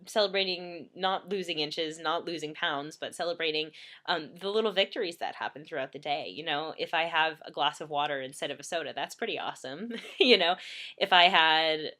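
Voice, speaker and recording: This woman's voice is low-pitched, bright and forceful. She's a twenty-something vlogger chatting casually from bed in her bedroom, slightly congested and frequently punctuating her talk with ums and little laughs.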